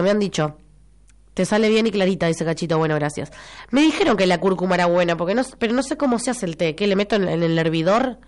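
In a radio studio, a congested young Argentine woman hosts a casual morning show, reading listener messages with a stuffy nose and the odd cough. Her medium-pitched voice is clear and resonant; she's chatty and expressive with an Argentine Spanish accent, circling back to repeat lines for emphasis.

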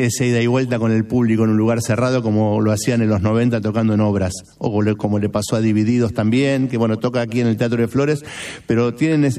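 Argentine male radio host, warm tone, slightly distant mic, chatty with restarts. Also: medium pitch. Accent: Argentine Spanish. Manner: conversational, hesitant restarts. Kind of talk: radio interview.

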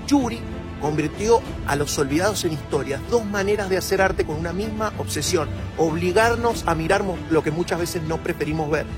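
Argentine man, high-pitched, urgent and indignant, clear music underneath. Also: moderate pace. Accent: Argentine Spanish. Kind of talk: passionate video appeal.

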